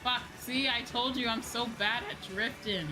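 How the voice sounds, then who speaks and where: A VTuber host streams casually while gaming, giving emphatic opinions and swearing freely over video game music. Her voice is on the high side with fairly even intonation and a normal pace, and the audio is poor.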